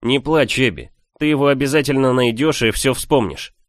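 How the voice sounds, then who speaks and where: A male narrator voicing a lively, teasing young man in an audiobook, talking in a raised, animated voice. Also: mid-range voice, normal speed, no echo, clean studio sound, pitched above the performer's own voice, natural voice. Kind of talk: audiobook character voice.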